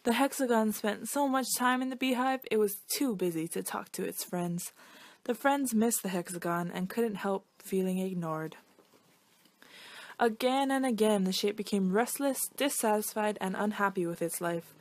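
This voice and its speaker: This is a woman narrating a kids' picture book expressively, her mid-range voice moving at a moderate pace with no room sound in the recording.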